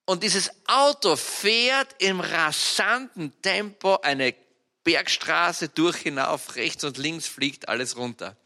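A man with an Austrian accent preaching a sermon, telling personal stories in a lively, animated way with sudden loud outbursts. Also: fairly high pitch, slow pace. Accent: Austrian German.

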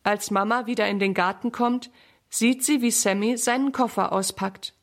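A woman reading a children's story aloud in a clear, friendly way. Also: a little high, steady tone, normal speed.

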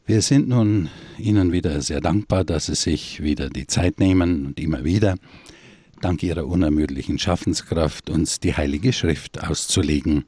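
A man's voice: extremely low pitch, normal speed, warm tone, husky, dry recording. A man hosting a religious radio show, formally and courteously introducing his guest. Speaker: radio host.

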